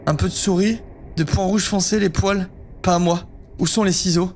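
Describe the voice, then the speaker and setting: A man's voice: high-pitched, steady tone, normal speed, a little mellow, slight background noise. A man commentating a horror game live, scared and jumpy, swearing as he plays, close on the microphone. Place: small room indoors, lit gaming setup. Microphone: close boom microphone with headset.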